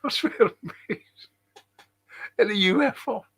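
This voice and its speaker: In an unhurried, high voice with a fairly bright tone and a breathy edge, a Liverpool-accented Englishman hosts a casual livestream. He reads viewer comments aloud, rambling and repeating phrases for emphasis.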